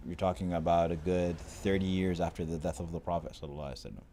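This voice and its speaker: A man in a casual chat, joking around and jumping in with quick remarks. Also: low voice, fairly even intonation, dark tone, a little hiss or hum.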